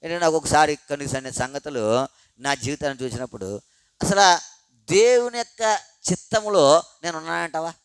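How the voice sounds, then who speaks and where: A man with a high, smooth, resonant voice preaches to a prayer meeting through a handheld microphone. He fires rhetorical questions and answers them himself, swinging from loud emphasis to quiet low asides. The sound is dry and close. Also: normal speed, long pauses, dry recording. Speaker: pastor. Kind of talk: sermon.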